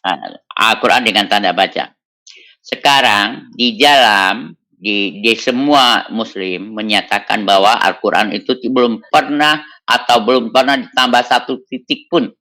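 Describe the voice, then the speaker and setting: A man debating in an online voice room, talking in a forceful, tense voice. He presses his point and repeats himself to hold the floor, and he cuts in on the other side. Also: mid-range voice. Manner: insistent, repeats his questions.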